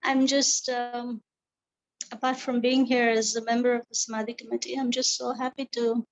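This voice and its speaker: A woman committee member introducing herself in a video meeting in a heartfelt, gentle way. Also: a little high, poor audio. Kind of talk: self-introduction on a video call. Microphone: video call.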